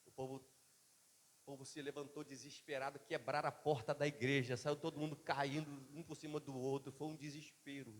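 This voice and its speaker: A pastor preaching a sermon, a man, swinging between loud and soft delivery in a church. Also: mid-range voice, flat delivery, moderate pace, big-room sound.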